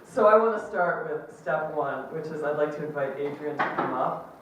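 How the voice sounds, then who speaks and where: The department chair's deep voice moves at normal speed through an upbeat ceremonial welcome peppered with ums. The audio is very noisy, taken from far off as her amplified mic fills a large, very echoey lecture hall.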